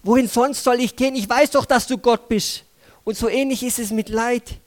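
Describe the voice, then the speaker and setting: A man preaching a sermon, swinging between urgent, loud phrases and hushed, intimate ones. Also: very high-pitched, steady tone, moderate pace.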